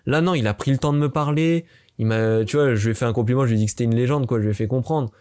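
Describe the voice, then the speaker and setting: Fast-talking young French man telling a story. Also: medium pitch, darkish tone. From France. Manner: rapid chatty with many fillers. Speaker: vlogger. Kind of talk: casual storytelling to camera.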